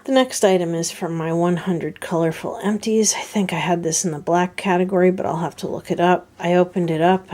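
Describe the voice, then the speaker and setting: A middle-aged woman chatting casually to camera about decluttering, unhurried and chatty with small laughs. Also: fairly low pitch, dark tone. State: out of breath. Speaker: decluttering vlogger.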